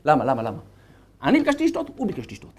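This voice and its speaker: A man's voice: on the high side, wildly swooping pitch. A man voicing an aggrieved young son who pleads and complains to his father. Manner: whiny, pleading questions.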